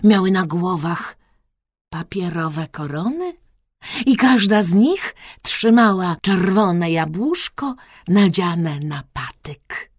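A woman reading a children's storybook aloud, slow and expressive. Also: on the low side, husky, no echo, clean studio sound. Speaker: audiobook reader.

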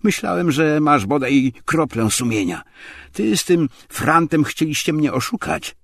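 An idle gentleman snaps back in clipped, indignant lines, as a male narrator voices him. The voice is slightly husky, lively in pitch and recorded close and dry. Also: measured pace, no room sound, exaggerated voice. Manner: curt and indignant, raised voice. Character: idle gentleman, cool at first, then trembling with rage.

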